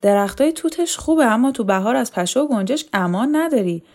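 A woman's voice: on the high side, lively intonation, a little mellow, pitched above the performer's own voice. A woman voicing a blunt man who grumbles and complains to an old friend, in an audiobook novel. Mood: grumbling.

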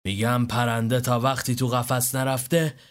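A man voicing a calm male gang boss who lectures in a measured, philosophizing way. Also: medium pitch, close to an everyday voice. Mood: menacing.

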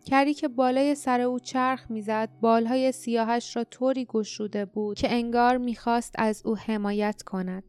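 A woman narrating a fantasy audiobook in a steady, dramatic storytelling manner. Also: fairly high pitch, hardly any pauses, smooth, soft background music. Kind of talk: scripted narration.

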